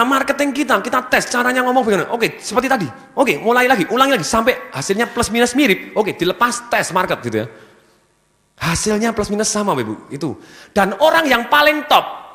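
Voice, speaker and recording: A man giving a motivational business seminar to a live audience, energetically firing questions for them to finish. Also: high-pitched. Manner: energetic, keeps asking the audience fill-in questions. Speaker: seminar speaker. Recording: long hall reverb from a venue PA.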